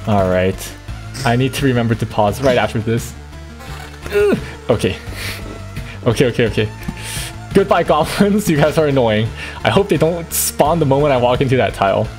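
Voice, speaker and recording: A man streaming a game, chatting casually and thinking aloud with quick reactions. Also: medium pitch, creaky, darkish tone. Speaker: gaming streamer.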